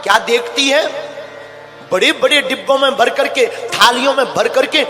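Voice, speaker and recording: A male preacher with a strikingly high voice tells an emotive devotional story, pressing the crowd with rhetorical questions. His voice carries a long hall reverb, and music plays clearly behind him. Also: moderate pace, bright, forceful tone. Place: large hall.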